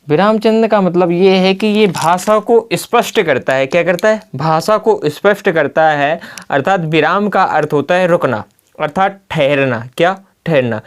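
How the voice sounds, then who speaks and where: A male teacher speaking with a Hindi accent walks through a grammar lesson at an unhurried, deliberate pace, spelling out every example. He keeps asking his own question and answering it right away, the way a classroom drill sounds. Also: high-pitched. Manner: repeats key words as questions and answers them himself.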